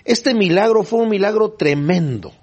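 Pastor, male, fairly high-pitched voice, emphatic sermon delivery with rhetorical questions. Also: expressive, moderate pace, a little mellow, breathy edge. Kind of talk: sermon with Bible reading.

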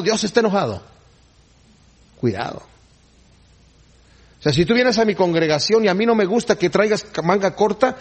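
A man's voice: on the high side, darkish tone, slightly rough. A male pastor preaching a sermon. He delivers it expressively and often drops in rhetorical asides.

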